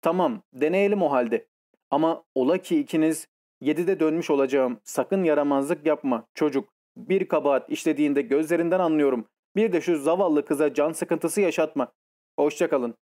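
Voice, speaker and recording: A brash, joking man who gives cheerful orders, read by a male narrator. His voice is slightly high and mellow. He speaks with easy confidence in an audiobook. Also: moderate pace, natural voice. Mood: jovial. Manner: jokey, bossy. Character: jovial, brash grown man.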